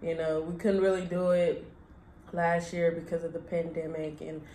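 Warm and on the low side, her voice moves little in pitch and keeps a normal speed. She's a young mukbang co-host chatting casually while chewing at an indoor table, recorded in an echoey room with light background noise.

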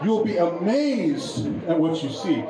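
A man doing a stand-up set in a bar, talking in a halting, rambling way with many restarts. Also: on the high side, big pitch swings. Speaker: stand-up comedian. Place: bar with a pool hall. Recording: echoey bar with crowd behind.

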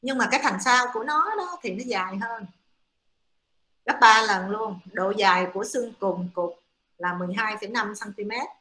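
Woman lecturing with fillers, bright echoey voice. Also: medium pitch, normal speed. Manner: explanatory, many fillers. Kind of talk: classroom lecture. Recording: echoey room.

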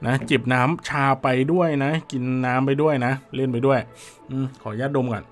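Hoarse, chatty Thai man calling slot spins. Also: medium pitch, moderate pace, faint music behind. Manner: chatty, excitable, addresses viewers directly. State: hoarse, dry voice. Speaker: slot game streamer. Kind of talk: casual live commentary on an online slot game.

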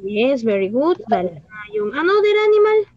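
High-voiced woman teacher. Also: big pitch swings, unhurried. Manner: mixes Spanish and English, asks questions and praises pupils. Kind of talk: online class teaching. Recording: dull lo-fi sound.

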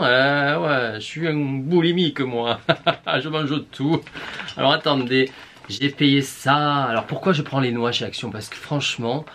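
A man's voice: mid-range voice, fairly bright tone, slight background noise. Male vlogger, southern French accent, playful and exclamatory, mid-range voice. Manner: chatty, playful, exclamatory, talks straight to viewers. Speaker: beauty vlogger. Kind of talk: casual shopping haul vlog.

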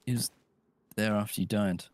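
A man chatting casually with friends while playing a game online, in a calm, matter-of-fact way with hesitant fillers. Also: lowish voice, moderate pace. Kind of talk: casual gameplay chat.

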